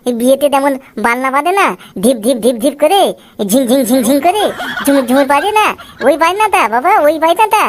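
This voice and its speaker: A woman's voice: sits high, a little fast, a little hiss or hum, lightly acted. A woman voicing a childish, whiny boy who wants to get married, in a cartoon. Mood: gleeful. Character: whiny boy eager to marry. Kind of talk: Tweencraft cartoon voice acting.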